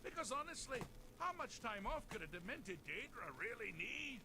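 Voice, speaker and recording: A man's voice: extremely high pitch, very animated, moderate pace. An actor playing a manic, whimsical male god of madness, theatrical and mocking. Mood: sinister, gleeful. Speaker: game character.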